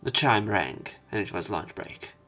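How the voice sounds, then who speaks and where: This man's voice is on the low side, animated and a little slow as he narrates a visual novel for a let's play. He occasionally stumbles and repeats words while game music plays.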